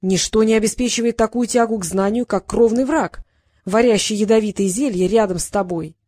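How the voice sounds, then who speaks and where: A woman reading the lines of an excitable male teacher at an assassin school, gushing and theatrical. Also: mid-range voice, fairly quick, dry recording, clean studio sound, lightly acted. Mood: gleeful.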